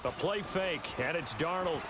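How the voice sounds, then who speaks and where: A man voicing a football play-by-play announcer in a sports video game, calling the action in a brisk, measured way. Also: a little high, lively intonation, heavy background noise, close to an everyday voice. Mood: upbeat. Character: adult male football announcer, steady and upbeat. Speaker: play-by-play commentator. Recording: loud game sound underneath.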